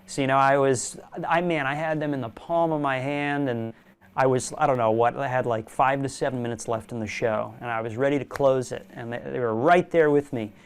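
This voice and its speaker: A young man, a magician guest in a casual interview, telling animated stories and laughing often. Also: medium pitch, brisk, clean tone. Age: young adult.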